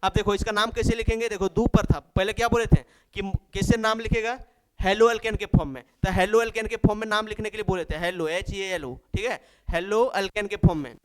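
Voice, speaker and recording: Bihari guy teaching chem, high voice, smooth and clear, jokey, keeps repeating stuff. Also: steady tone, a little fast. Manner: jokey, repeats key phrases, addresses students fondly. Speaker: chemistry teacher. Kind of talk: playful classroom lesson.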